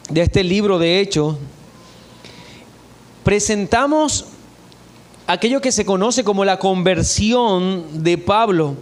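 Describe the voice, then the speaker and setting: In a church sermon, a pastor with a strikingly high-pitched voice for a man reads scripture verses aloud. His preaching is even and deliberate as he works through the text.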